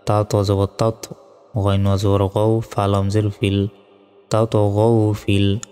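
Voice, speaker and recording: A man teaching recitation in a low, flat and very slow voice, spelling out letters before chanting each verse. His tone is smooth and mellow. Long reverb and faint music sit behind him. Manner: spells out letters and vowel marks, then recites slowly in a drawn-out chant. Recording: reverberant room with soft music.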